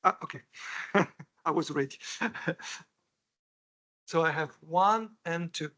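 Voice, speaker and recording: A man's voice: fairly high pitch, bright, forceful tone. A man moderating a conference panel, polite and chatty with some hesitations. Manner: polite, chatty, a bit halting.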